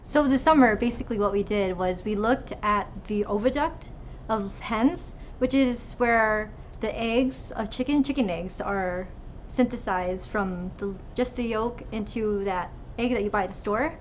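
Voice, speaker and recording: Soft music plays behind a Hawaiian woman in her twenties as she answers an interview informally in an unhurried, mid-range voice. She is a student researcher, and the conversation takes place indoors in a lab.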